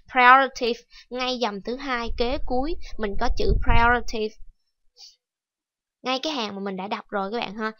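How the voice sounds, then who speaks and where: A woman's voice: on the high side, a bit bright, no echo, rough recording. A woman teaching a TOEIC reading lesson, explaining step by step and repeating key words. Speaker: English teacher.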